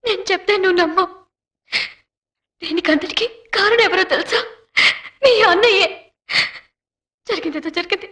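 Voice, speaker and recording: A woman's voice: very high-pitched, moderate pace, pauses often, fairly bright tone. A woman dubbing a devoted, emotional young wife in a film, pleading and earnest. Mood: loving, anxious. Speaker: dubbing actress. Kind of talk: Telugu film dub.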